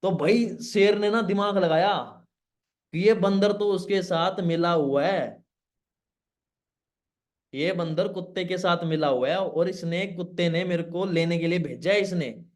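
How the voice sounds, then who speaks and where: A man from Pakistan who mentors young people, telling a fable in an energetic motivational session. He quizzes his listeners and mixes English into his speech. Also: high-pitched, unhurried. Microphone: online session.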